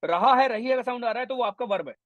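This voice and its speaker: Brief: young male grammar tutor, high voice, lively classroom energy, dry close mic. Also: racing, no echo, highs cut off. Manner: energetic, mixes Hindi with English terms, addresses students as brothers. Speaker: English grammar teacher. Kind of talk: online exam-prep class lecture.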